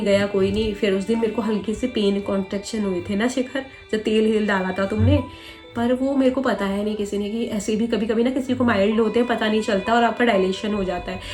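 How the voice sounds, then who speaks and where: A young woman vlogger retelling a hard personal story in a rambling, earnest way. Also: mid-range voice.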